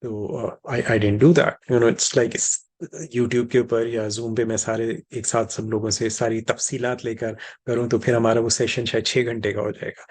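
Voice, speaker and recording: A man with or as his language leads an informal group session as a hypnosis practitioner. He explains things reassuringly, often repeating and rephrasing his key phrases, at a middling pitch. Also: little pitch movement, rapid-fire, a little mellow. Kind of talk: informal teaching and question session, switching between two languages.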